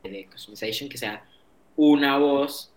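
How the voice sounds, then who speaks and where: A man co-hosting a casual gaming chat in relaxed, slangy banter. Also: mid-range voice, measured pace. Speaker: podcast co-host.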